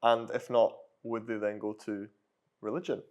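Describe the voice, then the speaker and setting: A man's voice: lowish voice, little pitch movement, normal speed, a little mellow. A man co-hosting a podcast in casual chat, often asking puzzled questions. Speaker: podcast co-host.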